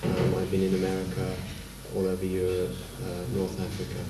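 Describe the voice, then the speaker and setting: A man speaks in a very deep, flat voice, calm and hesitant, filling his pauses with ums and uhs. He is picked up from a distance in a roomy, echoey space. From France, raised in England. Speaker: street performer interviewed. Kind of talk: TV interview. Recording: roomy echo, distant mic.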